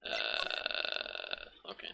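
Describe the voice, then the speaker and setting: A man's voice: drawn-out words, low-quality recording. A man live-streaming a game and reading its dialogue aloud, with casual, chuckling asides. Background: game music.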